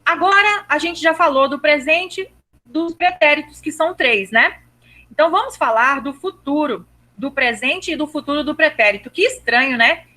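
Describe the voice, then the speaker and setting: A woman teaching a live online grammar lesson over a video call, patient, repeating herself and checking that her students understood, and drawing out verb endings slowly. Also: sits high, pushed and bright. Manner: slows down to stress verb endings.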